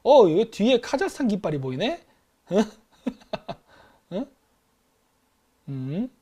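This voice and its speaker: A man's voice: sits high, very animated, slow, mellow, husky. A middle-aged man hosting a commentary show, lecturing animatedly and acting out quoted exchanges between countries. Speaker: host.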